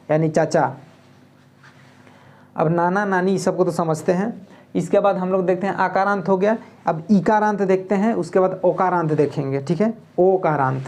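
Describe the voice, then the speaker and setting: A woman's voice: fairly low pitch, a little mellow. A woman with a Jharkhand Hindi accent teaching an exam-prep grammar lesson, explaining step by step and often checking "okay" with her students. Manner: explanatory, repeats "ठीक है" often, reads Nagpuri lines aloud.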